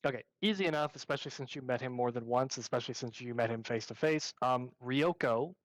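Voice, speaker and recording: A man's voice: medium pitch, quick pace, no room sound, rough recording. A man runs a tabletop game with easy, meandering narration. His voice sits mid-range and is recorded close and dry, with no room sound around him. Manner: casual, filler-heavy narration. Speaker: game master.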